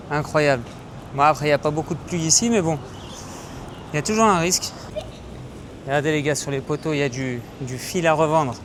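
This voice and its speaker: A man chatting to viewers in a casual travel vlog, hesitant with many fillers, recorded outdoors and on the road. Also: a little high. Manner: chatty, addresses viewers as "les gars". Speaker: travel vlogger. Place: outdoors in a city and in a vehicle. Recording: noisy outdoor vlog audio.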